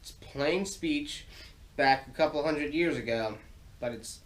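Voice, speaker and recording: A man's voice: a little high, a little slow. An American man hosting a solo podcast from his garage, talking in an informal, folksy, rambling way while recovering from sinus surgery with throat trouble. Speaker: podcast host. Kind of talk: casual solo podcast monologue. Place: home garage.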